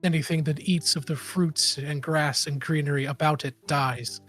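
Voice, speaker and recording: A man voicing a guarded, stern female hunter leader in a tabletop game, speaking in a solemn, measured and weary way. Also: fairly high pitch, fairly even intonation, a bit bright, soft background music. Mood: grave, measured. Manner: slow, solemn, measured delivery.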